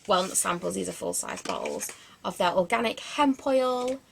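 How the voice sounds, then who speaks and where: A young woman in her twenties talks through a beauty haul in a rambling, casual way. Her voice has a noticeable creaky fry, and she fills gaps with ums and self-deprecating jokes. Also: medium pitch, wildly swooping pitch, moderate pace, a little hiss or hum. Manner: rambling and chatty, lots of fillers and restarts. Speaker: beauty vlogger. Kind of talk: casual product review chat.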